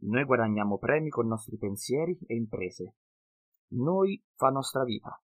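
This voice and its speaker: A man voicing a cunning half-blood northern wanderer who speaks slow, broken, ungrammatical sentences in an audiobook. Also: mid-range voice, expressive. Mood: philosophizing.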